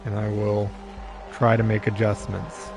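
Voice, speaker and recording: A man's voice: lowish voice, monotone, a little slow, vocal fry, over music. A young man chatting casually to viewers and a friend while streaming a racing management game, rambling and easygoing. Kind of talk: casual live-stream chat.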